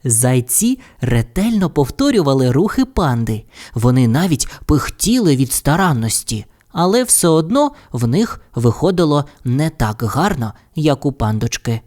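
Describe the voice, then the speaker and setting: A woman narrating a children's audio fairy tale in an expressive storytelling manner. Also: rumbling low, normal speed, few pauses.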